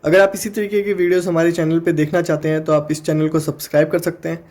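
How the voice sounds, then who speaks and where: A man with an Indian accent teaching an exam-prep phonetics lesson, explaining step by step and sounding words out slowly. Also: fairly high pitch, level tone, a little mellow.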